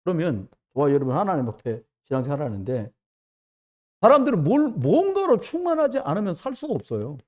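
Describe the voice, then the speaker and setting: A man preaching a sermon as pastor in a church, jumping between loud exclamations and hushed asides. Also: a little high, huge pitch swings, a little fast, muffled recording. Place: church sanctuary.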